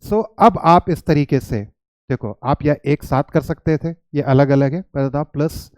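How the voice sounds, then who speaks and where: A man teaching English spelling to children, mixing Hindi and English and slowly reading out English phrases. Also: on the high side, darkish tone, no room sound. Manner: patient, repeats points, reads out English phrases slowly. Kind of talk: explaining a lesson to children in a mix of Hindi and English.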